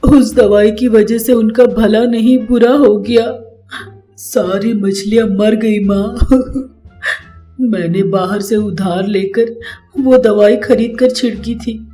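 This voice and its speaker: A troubled young man in a cartoon story, voiced by a woman. He speaks very slowly in a mellow, dark tone and pleads as he talks. Faint music sits behind him. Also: on the low side, lightly acted. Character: worried grown son, a young man in debt.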